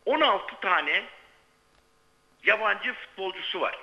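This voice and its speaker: A man's voice: sits high, expressive, slow, gravelly. A man speaking as a sports writer calling in to a live show by telephone, arguing insistently like a radio show caller and repeating his points for emphasis. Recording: muffled, band-limited live telephone line.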